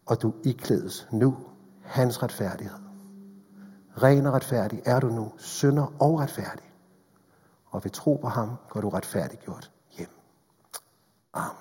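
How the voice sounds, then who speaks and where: A man preaching a sermon in a church, earnest and direct, swinging between fervent appeals and hushed, intimate passages. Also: medium pitch, breathy edge. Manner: earnest, rises to fervent appeals then drops to hushed tones. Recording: long hall reverb.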